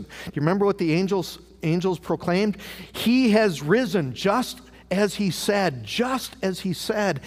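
A man's voice: on the high side, a little mellow, slightly rough. A man preaching a sermon as pastor, asking rhetorical questions and repeating phrases for emphasis. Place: large church sanctuary. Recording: live church broadcast with long hall reverb.

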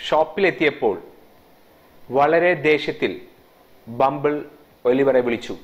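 A man's voice: fairly high pitch, unhurried. A man with a Malayali accent, teaching English by translating a story line by line and explaining the grammar. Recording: dull lo-fi sound.

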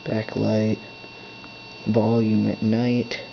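A hobbyist mutters to himself while pressing buttons to set up a device at his indoor desk. His low-leaning voice is creaky and monotone, with drawn-out words, captured in dull lo-fi camera audio with a faint hum.

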